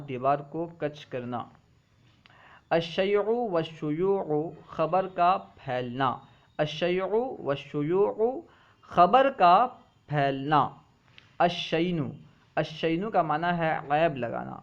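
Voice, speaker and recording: A man teaching a lesson, reading each word with its meaning and then repeating both in a steady drill. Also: on the high side. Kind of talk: reading a vocabulary list aloud with meanings. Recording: dull, muffled lo-fi recording.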